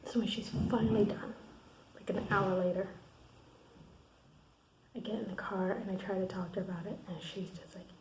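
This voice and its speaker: Frustrated woman venting in hushed tones. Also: mid-range voice, fairly even intonation, moderate pace, pauses often, roomy sound, background noise. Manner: venting, frustrated, swearing often; drops to a hushed, half-whispered voice. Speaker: vlogger. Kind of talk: candid video diary. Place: her room at night.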